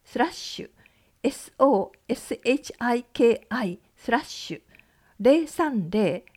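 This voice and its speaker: Female radio host, slightly high, slow measured read of event listings. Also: animated, darkish tone. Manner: measured, clear reading of lists and numbers. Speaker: radio announcer. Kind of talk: scripted community notices.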